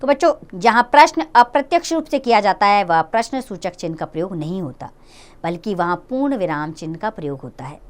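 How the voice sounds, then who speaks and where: Woman teaching kids grammar, hindi accent, friendly and explainy, pitch jumps around a lot. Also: animated, fairly quick. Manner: friendly, explanatory, addresses children directly. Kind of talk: children's grammar lesson.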